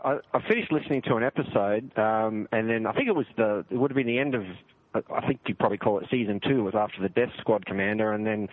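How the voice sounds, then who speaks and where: A man's voice: medium pitch, no room sound. Aussie guy rambling easy on a podcast, sounds like a phone call. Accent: Australian. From Australia. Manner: easygoing, rambling with many fillers. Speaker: guest. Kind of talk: casual podcast chat. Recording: tinny dry phone line.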